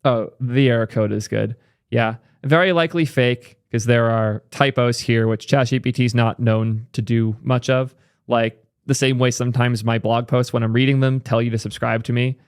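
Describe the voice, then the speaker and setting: A man's voice: medium pitch, steady tone, clean tone, dry recording. Young guy streamer ranting about code, casual and opinionated, dry close mic sound. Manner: opinionated, thinks aloud, quick asides. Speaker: tech streamer reacting to clips. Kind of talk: casual commentary.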